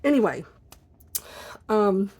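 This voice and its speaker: Chatty, informal woman vlogger, mid-pitched. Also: very animated, slow, a little mellow. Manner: informal, apologetic, giggly rambling. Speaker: video blogger. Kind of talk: casual chatty desk vlog. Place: at a desk indoors. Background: squeaky chair creaking.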